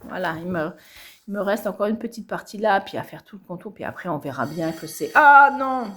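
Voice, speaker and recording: A woman's voice: on the low side, a little fast. A woman casually showing her cross-stitch projects at home, talking in a rambling way with many hesitations. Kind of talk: casual show-and-tell chat. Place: home, washing machine spinning nearby.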